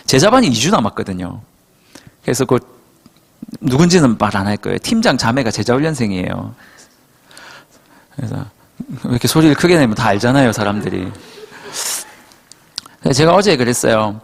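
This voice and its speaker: A male pastor preaching to young adults, telling stories in an animated way and acting out quotes. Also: medium pitch, normal speed, vocal fry, long pauses. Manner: animated storytelling, acts out quotes. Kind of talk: sermon to a young adult congregation.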